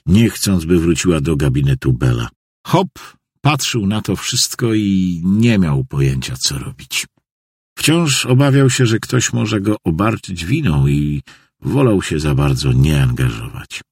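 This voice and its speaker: A man narrating a novel in a deep, husky voice. His reading is measured but lively, with a wide sweep of pitch. The recording is dry and close to the mic. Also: no echo. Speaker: audiobook narrator. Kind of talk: scripted narration.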